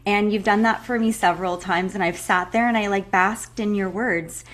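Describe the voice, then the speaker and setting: A woman's voice: mid-range voice, fairly even intonation, moderate pace, fairly bright tone. A young woman hosting a live online breathwork call, chatting casually and effusively with many filler words. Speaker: breathwork facilitator.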